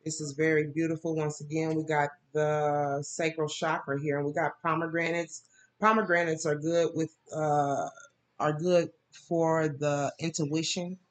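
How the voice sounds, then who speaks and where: Her delivery is flat and measured as she reads tarot in a casual, rambling fashion loaded with fillers. She occasionally erupts in laughter and slips into high-pitched impressions.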